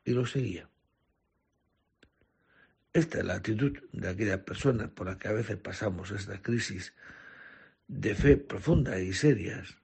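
A man's voice: on the low side, a little slow, creaky, pauses often, a little mellow, slightly rough. A man, a priest, reading the gospel and preaching earnestly, with some self-corrections.

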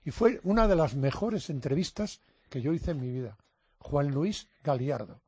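Older male radio interviewer, slightly raised pitch, husky, lively anecdotes. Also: moderate pace, no room sound. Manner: animated storyteller. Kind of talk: casual radio chat.

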